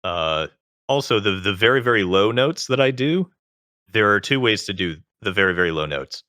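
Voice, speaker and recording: Deep-voiced man explaining at length. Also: lively intonation, moderate pace, sharp tone, no echo. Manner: talkative, explains at length with lots of "like". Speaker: guest. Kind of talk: casual interview chat.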